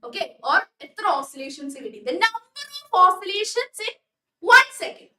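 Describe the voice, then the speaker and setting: A woman's voice: very high voice, very animated, drawn-out words, pushed and bright, reverberant, distant mic. A young woman tutor with a Malayali English accent, teaching a live online class and often checking that students follow. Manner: coaxing, checks understanding often.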